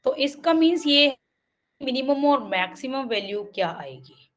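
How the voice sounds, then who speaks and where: A woman with an Indian accent teaching an online math class. She reads English lines slowly and explains them in Hindi, with many fillers and frequent checks of "okay". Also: sits high, expressive, a bit bright, low-quality recording. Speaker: math tutor.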